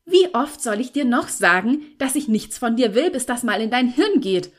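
A woman's voice: sits high, normal speed, pitched above the performer's own voice. A shy yet stubborn teenage girl, put on by a woman narrator, her voice lifted well above the reader's own. She talks earnestly and with a pleading edge, easily flustered. Heard in an audiobook. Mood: exasperated. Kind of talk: audiobook reading.

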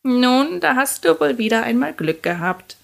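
A woman voicing a gruff, menacing old witch who growls and speaks slowly and slyly. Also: on the low side, expressive, a bit bright, exaggerated voice. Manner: growling, slow and sly.

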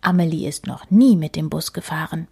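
A woman gently narrating a children's storybook, often near a whisper. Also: low-pitched, fairly quick, gravelly, husky.

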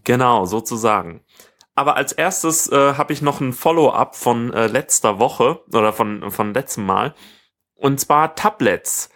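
Sitting in a living room, a male co-host of a laid-back tech podcast meanders through his points, hesitating and fixing his own sentences as he goes. He sounds expressive, medium-pitched, and slightly bright.

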